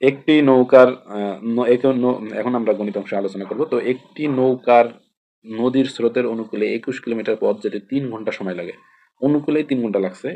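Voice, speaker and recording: A man's voice: lowish voice, warm tone. A man with a Bangladeshi Bengali accent, teaching an exam-prep lesson in a rambling way, repeating and spelling out words. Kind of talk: casual explanatory lesson.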